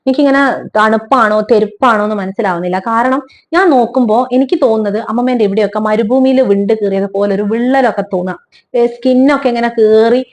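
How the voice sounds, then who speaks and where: Young woman, slightly high voice; earnest, animated personal storyteller. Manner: heartfelt, conversational, animated retelling.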